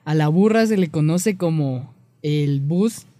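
A man's voice: fairly high pitch, slow pace, dark tone, no echo. A man from Guatemala with a Guatemalan Spanish accent, co-hosting a podcast and joking while explaining slang with examples. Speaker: podcast co-host. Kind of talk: casual podcast chat.

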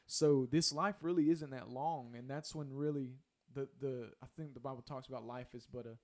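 A man's voice: medium pitch, fairly even intonation, normal speed, darkish tone. A man, sharing a faith testimony earnestly and emphatically. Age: 20s.

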